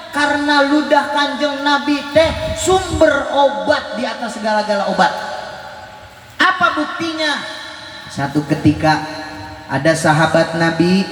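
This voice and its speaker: A man preaching a humorous sermon, telling stories with teasing asides and occasional shouts. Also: extremely high pitch. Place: large mosque hall with PA system. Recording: very echoey hall, faint room noise.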